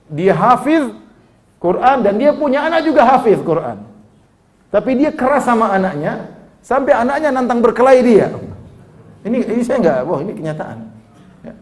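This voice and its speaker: Man, sermon, question-and-answer delivery, repeats key words, slightly high voice. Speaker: preacher.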